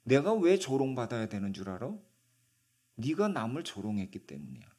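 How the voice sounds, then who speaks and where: A man voicing Jesus as an earnest, gentle male teacher, in a plain sermon voice. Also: mid-range voice, wildly swooping pitch, moderate pace. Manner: earnest, explaining.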